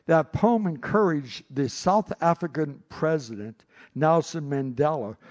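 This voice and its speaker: A male pastor preaching a sermon, telling stories with animated delivery and frequent repeated words. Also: fairly high pitch.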